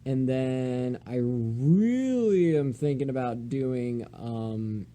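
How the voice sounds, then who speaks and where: A young man co-hosting a casual podcast, hyper and excitable, often losing his train of thought. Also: mid-range voice, slow. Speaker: podcast co-host. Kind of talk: casual chat.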